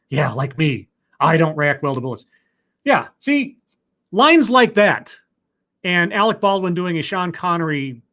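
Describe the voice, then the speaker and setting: A young man with a slightly high voice chats loosely through a livestream Q&A. He rambles and restarts, making dry jokes at his own expense. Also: fairly bright tone. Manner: rambling and self-deprecating, with frequent restarts and laughs. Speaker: YouTuber hosting a livestream Q&A. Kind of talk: casual livestream chat reading viewer comments.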